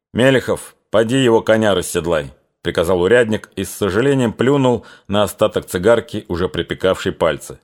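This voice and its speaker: A man reads a novel aloud with a steady, measured delivery. His voice sits on the low side. He sinks lower and quieter through the dark passages. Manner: measured, even reading that drops lower and quieter in somber passages. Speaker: audiobook narrator. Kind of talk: scripted literary narration.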